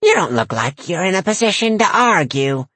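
A man's voice: high-pitched, big pitch swings, moderate pace, sharp tone, no echo, voice pushed up, exaggerated voice. A man voicing a crabby, foul-mouthed old woman who runs a shop, sneering and cackling.

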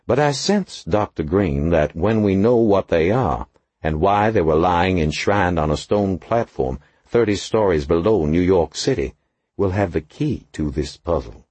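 A man's voice: sits low, lively intonation, a little slow, darkish tone, breathy edge, no echo, exaggerated voice. A man reading an audiobook, voicing an erudite male special agent who speaks in a precise, formal way. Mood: measured.

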